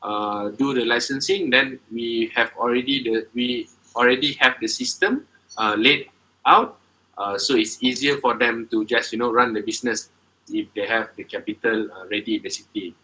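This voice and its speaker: A man explains his business plans in a bright, forward voice. He pauses often and fills the gaps with "uh" and "um.". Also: mid-range voice, low-quality recording. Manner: hesitant, many filler sounds, halting phrasing. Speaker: coffee business owner presenting. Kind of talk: presentation and Q&A answers.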